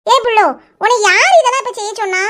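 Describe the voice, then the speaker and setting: A woman does cartoon voice work as a kindly but bossy middle-aged village woman, fussing affectionately in a Kanyakumari Tamil accent. Her voice is extremely high, expressive, quick and fairly bright, with a bustling mood.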